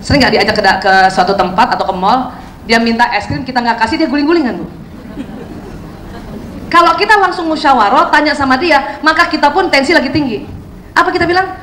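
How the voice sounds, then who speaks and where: A woman speaker giving a lively parenting seminar, chatting with her audience and often asking them questions. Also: high-pitched, a little fast, slight background noise. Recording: roomy hall sound, faint ambience.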